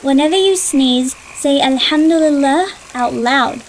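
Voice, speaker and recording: A woman's voice: high-pitched, measured pace, a little hiss or hum, rough recording. A woman voicing an older sister in a dubbed cartoon, patiently explaining things to her little brother. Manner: explaining, gently teaching, a little impatient.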